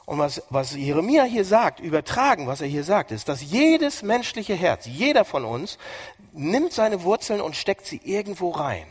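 A man preaching a sermon, animated and sarcastic, asking his listeners questions as he goes. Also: high-pitched, normal speed, slightly rough.

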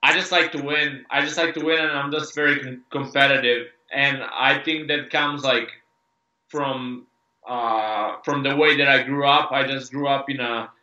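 A man's voice: medium pitch, fairly even intonation, normal speed, pushed and bright. A man in his thirties with a Serbian accent, an MMA fighter answering interview questions with many restarts and fillers. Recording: roomy, dull lo-fi sound.

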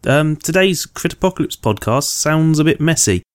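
A man's voice: on the high side, animated, normal speed, no room sound. Male podcast host for casual intros; informal, apologetic, recorded close and dry. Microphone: close studio USB microphone.

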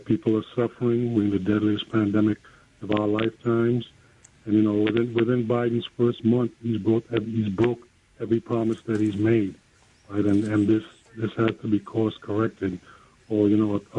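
A man's voice: lowish voice, warm tone, slight background noise. A man calling in to a radio show over a clipped phone line, earnest and stumbling over repeated words. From New York City. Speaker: caller. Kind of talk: call-in radio talk.

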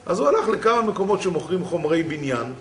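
A man's voice: sits high, slight background noise. A man, a rabbi, telling a story in a sermon and acting out the characters' lines. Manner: animated storyteller who acts out the characters.

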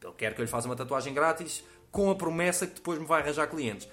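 Man, early twenties, European Portuguese accent, Lisbon area, comic storytelling, rapid, slang and swearing. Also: a little high, lively intonation, sharp tone, soft background music. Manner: slangy, swears a lot, acts out quotes. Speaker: comedian telling a story. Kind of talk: comic anecdote monologue.

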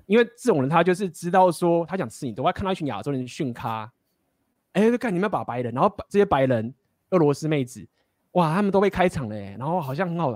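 A man's voice: a little high, a little mellow, dry recording, studio quality. A man, casually telling stories and giving blunt, profane dating advice. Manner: blunt, profane, laughing often.

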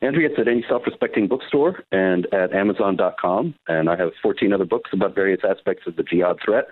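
Deep-voiced male guest on tinny AM-radio phone. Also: fast, dry recording. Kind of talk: radio interview answer.

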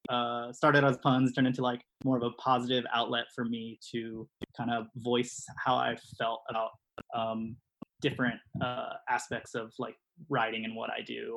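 Laid-back man with creaky voice. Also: mid-range voice, fairly bright tone, rough recording. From California, United States. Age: 30s. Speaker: podcast guest, artist. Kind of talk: casual chat. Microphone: online video call at home.

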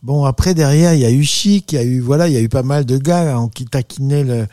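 A man's voice: medium pitch, quick pace, warm tone, no echo, studio quality. A man with a French accent chatting casually as a musician guest, enthusiastic, slangy and rambling. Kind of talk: casual chat.

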